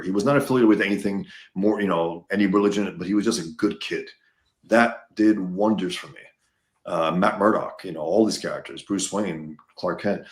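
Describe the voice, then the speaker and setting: A man's voice: sits low, roomy sound. A man from the United States, a guest in a casual conversation, talking emphatically and repeating words as he gets worked up.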